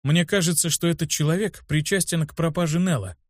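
A wary young gang leader, protective of his people, as a male narrator reads him. He speaks low and suspiciously. The recording is close and dry. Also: a little fast, dry recording, natural voice.

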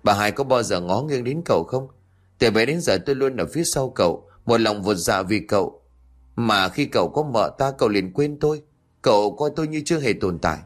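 Male narrator doing a bitter, jealous young wife with a lifted pitch for the audio story. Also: animated, a little fast. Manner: reproachful, pleading, raised pitch.

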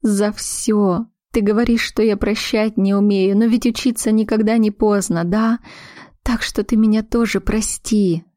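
A woman's voice: medium pitch, fairly even intonation, unhurried, dark tone, dry recording, clean studio sound, pitched above the performer's own voice, natural voice. A woman voicing a wounded, emotional grown daughter, pleading and breaking with feeling, in a read audiobook. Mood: tearful.

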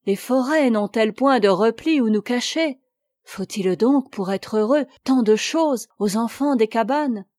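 A woman's voice: fairly high pitch, measured pace, darkish tone, no echo, studio quality, lightly acted. A woman voicing an ardent young male captive who pleads with passion in a storybook reading. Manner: impassioned, declaiming.

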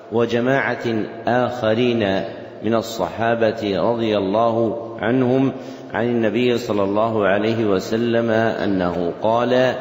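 A man teaching a religious text in a lesson, speaking slowly and repeating phrases so students can write them down. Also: lowish voice, darkish tone, roomy sound, long reverb tail. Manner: slow, repeats phrases for dictation. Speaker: Islamic scholar teaching a hadith text. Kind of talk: classroom lesson explaining a text.

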